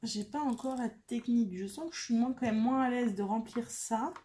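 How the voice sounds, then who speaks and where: A woman's voice: a little high, normal speed, mellow. A woman chatting casually and mocking herself while she works on a craft, thinking aloud as she goes. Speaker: craft vlogger.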